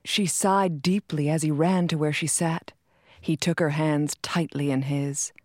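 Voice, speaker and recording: Woman narrator, low voice, measured story reading, dry studio sound. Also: fairly even intonation, a little mellow, no echo. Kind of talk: scripted narration of a short story.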